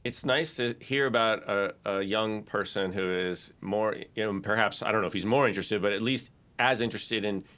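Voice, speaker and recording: A man's voice: on the low side, moderate pace, hardly any pauses, fairly bright tone. A man hosting an interview over a video call, easygoing and affirming, asking long rambling questions. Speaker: podcast host. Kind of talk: casual interview chat.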